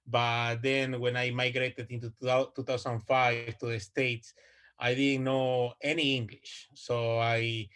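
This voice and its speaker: A university researcher from Ecuador, whose first language is Spanish, gives an online presentation captured through a video call microphone. He speaks at a measured pace in a level, medium-pitched voice that is a bit bright and smooth. His manner is hesitant, with many fillers and restarts.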